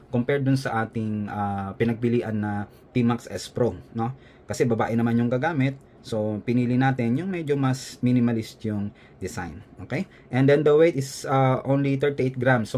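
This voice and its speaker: There's a little hiss or hum behind this man's mid-range, darkish voice. With a Filipino accent, he walks through a casual unboxing and product review, chatting as he explains and often ending with a brief tag question.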